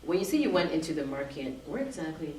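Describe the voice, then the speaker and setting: A woman's voice: deep voice, big pitch swings, a little mellow. A woman hosting an interview, talking through questions about money in a casual chat. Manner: talks quickly, leading questions. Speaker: host. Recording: roomy, distant mic, faint noise.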